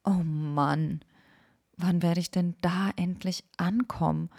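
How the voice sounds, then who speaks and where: A woman's voice: lowish voice, steady tone, slow pace, vocal fry, a little mellow, full character voice. A woman voicing a lost young woman in a storybook, wondering and plaintive. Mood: wondering, weary. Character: lost, weary young woman wandering a forest.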